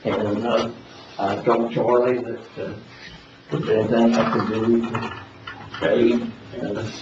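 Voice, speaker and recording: A man's voice: mid-range voice, far from the mic. A man of about eighty giving informal remarks of thanks as a retiring official. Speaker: retiring county tourism director. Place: public board meeting room. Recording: echoey room, dull, faint noise.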